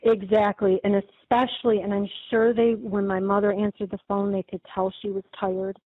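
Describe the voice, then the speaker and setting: A middle-aged woman, a guest, retelling a scam call in a lively way, quoting each exchange and often restarting her sentences. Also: medium pitch, moderate pace, breathy edge, dry recording. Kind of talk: conversational storytelling. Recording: tinny phone-like line, dry.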